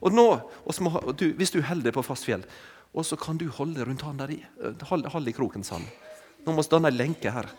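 A man's voice: a little high, lively intonation, darkish tone, slightly rough. A man preaching an interactive sermon with props, calling volunteers forward and coaxing them with short repeated commands. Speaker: preacher leading an object lesson with volunteers. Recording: long hall reverb.

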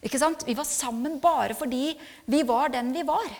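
A middle-aged woman shares a personal testimony from the pulpit, earnest and searching, pausing on fillers before pressing into emphatic points. Her voice sits high with a gravelly edge. Long reverb trails off the hall around her. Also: a little mellow. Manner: earnest and reflective, with hesitant fillers and rising emphatic passages. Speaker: speaker giving a church testimony.

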